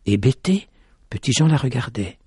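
A man hosting a radio program, narrating a story in a measured, expressive way. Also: mid-range voice, husky, dry recording, clean studio sound.

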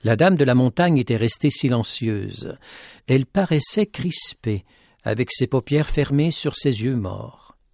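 A man narrating a tale in an expressive, dramatic reading style. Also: mid-range voice, unhurried, gravelly, dry recording, clean studio sound. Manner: dramatic, rising with tension. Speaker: storyteller.

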